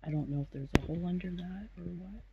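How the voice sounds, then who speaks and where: A man's voice: high voice, fast talker, creaky, lo-fi sound, heavy background noise. A man chatting casually as a companion on an exploration vlog, recorded outdoors on a handheld camera. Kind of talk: casual chat. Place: abandoned shack in night woods, outdoors.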